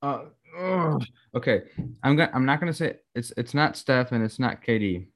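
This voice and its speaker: A man's voice: medium pitch, expressive, normal speed. Young male co-host, casual, joking, hesitant guesser. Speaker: co-host answering quiz. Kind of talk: casual chat.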